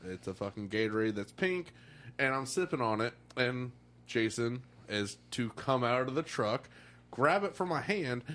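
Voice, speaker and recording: A man's voice: medium pitch, expressive, moderate pace, fairly bright tone. A man telling casual anecdotes like a frat bro, with slang, swearing and acted-out quotes. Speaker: reality show contestant.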